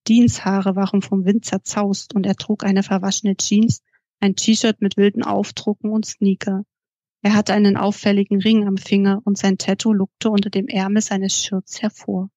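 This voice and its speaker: A woman author reading aloud from her own novel at a steady, even pace. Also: medium pitch, moderate pace, no echo, dull audio.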